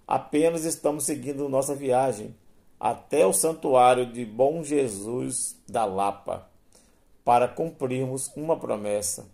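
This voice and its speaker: A man reading aloud and voicing an older, devout godfather who speaks slowly and reassuringly. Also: mid-range voice, vocal fry, warm tone.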